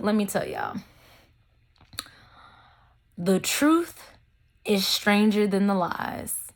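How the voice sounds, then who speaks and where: A woman with holds forth in an unscripted solo monologue, cursing freely as she talks. She drives her points home with slow, drawn-out emphasis, and her pitch sits in an ordinary middle range. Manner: blunt and profane, emphatic, drawn-out stresses. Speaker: vlogger. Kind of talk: casual unscripted monologue to camera.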